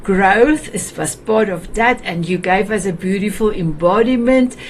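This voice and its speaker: Speaking a little slowly at medium pitch, this talk show host from South Africa has an Afrikaans accent. She chats warmly and casually over a video call, hesitating and restarting often, with slight background noise in the audio.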